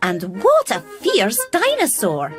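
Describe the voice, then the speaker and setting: A woman voicing a friendly cat office worker in a preschool cartoon, explaining things with gentle enthusiasm. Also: fairly high pitch, huge pitch swings, takes it slowly, soft background music, heavily acted. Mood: friendly, enthusiastic. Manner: friendly, clear explaining to children.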